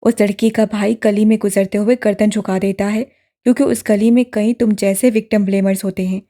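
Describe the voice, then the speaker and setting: A woman's voice: mid-range voice, level tone, a little fast, pitched below the performer's own voice, lightly acted. A woman voicing a stern young man who lectures his friend firmly in an audiobook reading. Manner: firm, forceful, lecturing. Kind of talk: audiobook narration.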